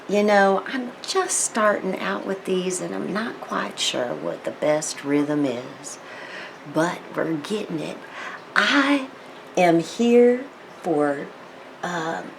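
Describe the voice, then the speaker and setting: A woman's voice: on the low side, gravelly, a little hiss or hum. A woman casually talking to camera as a tarot storyteller, rambling and digressive with many fillers and restarts, sometimes slipping into playful put-on accents. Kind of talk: casual rambling vlog talk.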